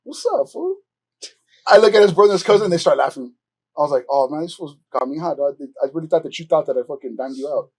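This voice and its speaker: A man hosting a podcast, telling a story in animated casual chat full of swearing and acted-out quotes. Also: a little high, rapid-fire, breathy edge. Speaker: podcast host.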